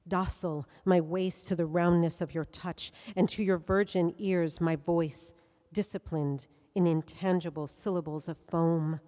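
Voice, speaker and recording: A woman reciting a poem slowly and deliberately on stage, sometimes sinking to a near whisper. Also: fairly low pitch, mellow. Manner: slow, measured, dropping to a whisper at times. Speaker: poetry reader. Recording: reverberant hall.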